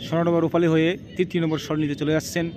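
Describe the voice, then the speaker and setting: A man giving excited live football commentary on a penalty shootout outdoors, repeating names and phrases as he goes. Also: fairly high pitch, racing. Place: outdoors at a local football ground. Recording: noisy outdoor field with traffic ambience.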